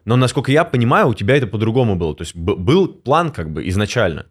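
A man's voice: lowish voice, very animated, fast talker, slightly rough. A man hosting an interview, asking long, engaged questions in a casual way. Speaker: interviewer, host.

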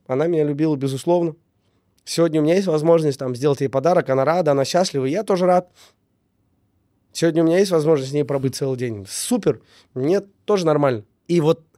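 Still recovering from a slight cold, this interview guest reflects casually on relationships, stressing his points and running through phrases in repeated lists. He sounds mellow and a little high. The studio-quality audio has no room sound.

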